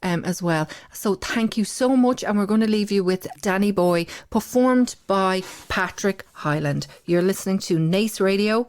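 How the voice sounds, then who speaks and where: A woman's voice: medium pitch, unhurried, hardly any pauses, a little mellow. Irish woman hosting a radio interview. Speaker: radio host. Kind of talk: casual studio interview.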